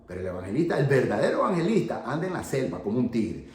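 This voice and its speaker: A man preaching as an evangelist, telling a testimony in animated storytelling style and laughing at himself as he goes. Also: medium pitch, fast, reverberant, a little hiss or hum. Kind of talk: sermon testimony teaching.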